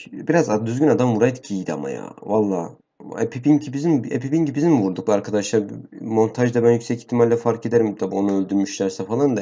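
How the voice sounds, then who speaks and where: A young man giving casual, excitable commentary over his mobile game as a gaming channel host, repeating words in bursts and grumbling to his viewers. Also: lowish voice, lo-fi sound. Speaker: gaming YouTuber. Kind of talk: live gameplay commentary.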